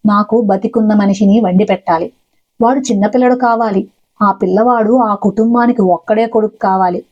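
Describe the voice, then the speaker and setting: A woman's voice: mid-range voice, fairly even intonation, moderate pace, dull audio, lightly acted. A woman voicing a stern wandering ascetic man. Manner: demanding, testing. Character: stern wandering male ascetic, god in disguise.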